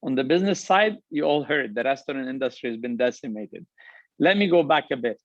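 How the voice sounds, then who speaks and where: A middle-aged Lebanese restaurant company founder, with a heavy Lebanese accent, delivers a motivational keynote about his business and his journey. He's earnest and upbeat, emphatic with repeated phrases, speaking briskly at a medium pitch with lively intonation. The recording is dry and lo-fi.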